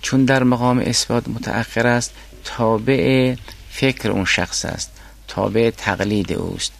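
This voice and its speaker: A man teaching a class on a mystical philosophy text, reading classical quotations slowly and then explaining them. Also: mid-range voice, fairly even intonation, vocal fry.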